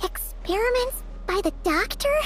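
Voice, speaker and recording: A tiny, inquisitive video game companion. The voice is extremely high and swings widely in pitch, over faint music. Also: female voice, animated, a little slow, a bit bright, exaggerated voice. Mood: curious.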